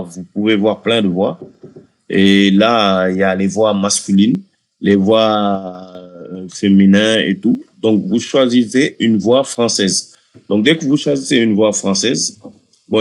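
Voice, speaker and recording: A man hosting a casual screen-recording software tutorial, talking viewers through the steps with hesitations and restarts. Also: fairly low pitch. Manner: hesitant, many fillers and restarts, addresses viewers directly. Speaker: tutorial host.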